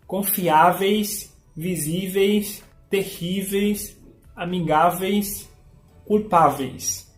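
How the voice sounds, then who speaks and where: A woman teaches an informal language lesson, slowly and patiently reading out lists of words and checking in with quick tag questions. Her voice sits at a medium pitch and carries a roomy echo, with faint music underneath. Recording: echoey room with faint music.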